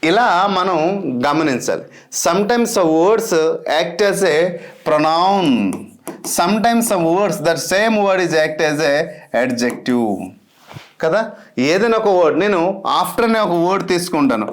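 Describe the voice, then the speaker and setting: A man's voice: high voice, expressive, slow pace, long pauses. A young man with a Telugu accent lecturing as an exam-prep teacher, emphatic and repeating key words.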